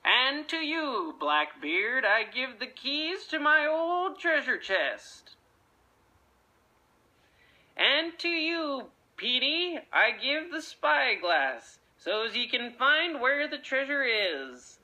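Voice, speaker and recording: A solemn old pirate captain, handing out gifts in a cartoon storybook, as a woman puts him on. He talks slowly and formally. The pitch rises and falls a lot over a bright tone. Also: very animated, full character voice. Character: old male ghost pirate captain, generous.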